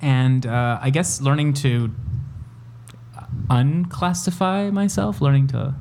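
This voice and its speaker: Reflective young man, halting casual talk. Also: mid-range voice, gravelly, darkish tone, a little hiss or hum. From El Salvador. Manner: halting, reflective, many fillers. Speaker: conversation partner. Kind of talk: casual chat.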